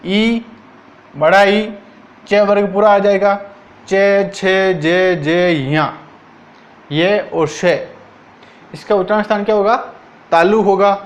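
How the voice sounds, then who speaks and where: A man's voice: high-pitched, fairly even intonation. A man teaching an exam-prep Hindi grammar lesson, asking each point as a question and answering it himself, drawing out the sounds as he recites them. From Rajasthan, India. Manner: drawn-out syllables while reciting sounds.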